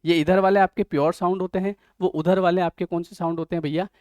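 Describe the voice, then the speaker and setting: A man's voice: high-pitched, fairly even intonation, quick pace, darkish tone, clean tone, dry recording. A man with an Indian accent teaching an online exam-prep lesson. He explains step by step and keeps checking whether his students follow.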